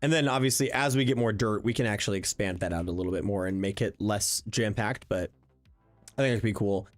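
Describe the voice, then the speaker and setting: A young man live-streams a block-building game, thinking aloud, answering viewers and filling his casual commentary with fillers. His voice is on the low side and fast, with faint background music underneath.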